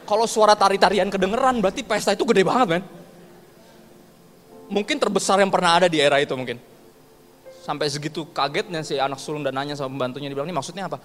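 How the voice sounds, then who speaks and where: Slangy preacher with an Ambonese accent. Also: male voice, high-pitched, fast talker, pauses often, fairly bright tone. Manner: casual slang-filled preaching, acts out dialogue. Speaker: pastor. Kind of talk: sermon. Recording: long hall reverb with faint music.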